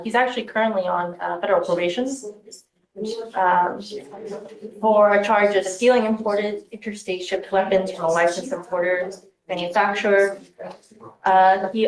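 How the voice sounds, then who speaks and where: A female prosecutor arguing at a bond hearing in a courtroom, going through case details with frequent "uh" fillers. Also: medium pitch. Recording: roomy courtroom sound.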